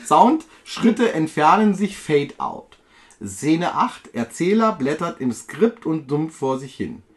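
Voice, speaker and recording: A man's voice: on the high side, very animated, slow pace. A man reading the narration and stage directions of an amateur radio play, stumbling now and then. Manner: reads cues aloud, stumbles and restarts.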